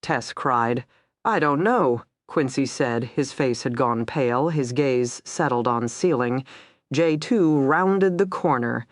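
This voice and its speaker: A woman narrating a dark crime thriller audiobook, tense and steady, voicing every character herself. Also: very deep voice, slow pace, no room sound, clean studio sound.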